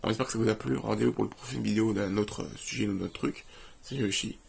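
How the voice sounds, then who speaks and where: Man, gravelly voice, husky tone, casual show-and-tell, plain item-by-item listing. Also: fairly low pitch, steady tone, fast. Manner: plainly lists items while leafing through a book. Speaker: video creator.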